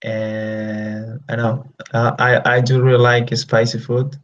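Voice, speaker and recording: A man speaks haltingly over a dull, lo-fi video call, his voice medium in pitch and flat in delivery. He's a learner on a practice call, chatting casually while groping for words amid lots of fillers.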